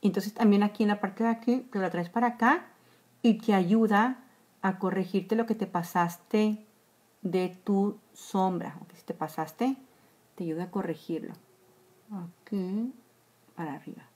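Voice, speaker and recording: In a medium-pitched, darkish voice and at a slightly slow pace, a Mexican-accented makeup vlogger in her forties chats her way through a live tutorial from a small room, speaking directly to viewers. She calls them girls and drifts into whispers as she applies makeup, recorded close up on a phone or webcam.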